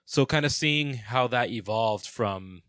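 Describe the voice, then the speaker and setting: A man's voice: medium pitch, slow, a bit bright, clean tone, no echo. A man in casual chat, talking earnestly and thoughtfully, explaining his views.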